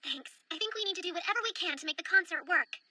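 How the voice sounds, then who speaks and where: Eager young anime dub girl, overacted, super high pitched, talks fast, earnest and polite. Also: bright, forceful tone, a little hiss or hum, exaggerated voice. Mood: determined. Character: earnest, eager young woman leading small-town tourism revival.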